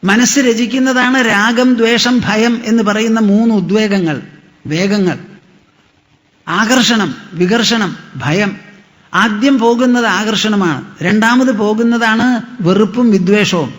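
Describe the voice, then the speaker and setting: High-voiced man preaching in a reverberant hall. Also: fairly bright tone. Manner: chants verses slowly, repeats phrases for emphasis; mixes in English explanations. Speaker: spiritual teacher. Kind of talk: devotional discourse.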